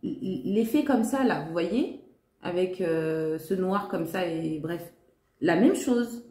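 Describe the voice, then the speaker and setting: Slow and expressive, her fairly low, mellow voice carries through an echoey room. She's filming a casual shopping-haul vlog, talking right to her audience with gushing enthusiasm and repeated cries of "trop" and "magnifique."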